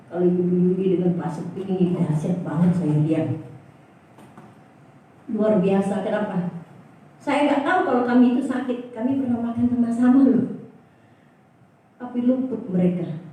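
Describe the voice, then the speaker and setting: An older woman pastor preaching a sermon, lively, asking the congregation questions and repeating her key phrase. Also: mid-range voice, normal speed, pauses often. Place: church hall. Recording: echoey church from far off.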